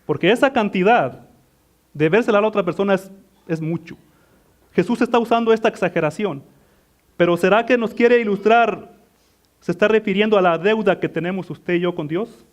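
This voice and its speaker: A pastor with a high voice preaches a sermon at normal speed, pausing often. He poses questions to his congregation and answers them himself, frequently calling them "mis amados," or beloved.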